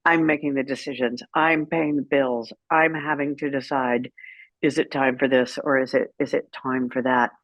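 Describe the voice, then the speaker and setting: A middle-aged woman with a bass voice appears as an interview guest, telling candid stories in a frank, wry, conversational way and acting out remembered dialogue. Her intonation is fairly even and her speed normal, and the recording is dry with the highs cut off.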